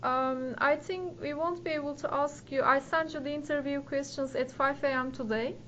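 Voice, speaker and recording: A woman's voice: high-pitched, fairly even intonation, moderate pace, crowd noise. A young woman, a student politely interviewing a guest over a video call, with some fillers. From Turkey. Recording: muffled call audio.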